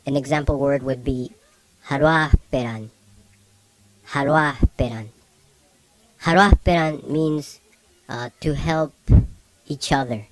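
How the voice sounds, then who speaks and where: Male teacher for a beginner lesson. Slow, patient delivery with repeated words. Dry recording. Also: fairly high pitch, dry recording. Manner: slow, repeats each word several times. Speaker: language teacher.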